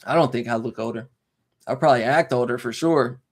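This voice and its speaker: A man's voice: medium pitch, fairly quick. Twenty-something guy rambling on his live stream, slangy, loose, keeps saying you know what im saying. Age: 20s. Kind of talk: casual live-stream chat.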